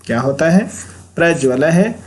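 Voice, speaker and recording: A man with a Hindi accent teaching an exam-prep Sanskrit grammar lesson, explaining slowly and repeating key terms. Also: on the high side, lively intonation.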